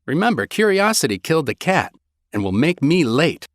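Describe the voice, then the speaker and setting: A man voicing a brisk, wisecracking woman federal agent in an audiobook, teasing in a sing-song way. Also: fairly high pitch, sing-song, dry recording, clean studio sound, voice pushed up.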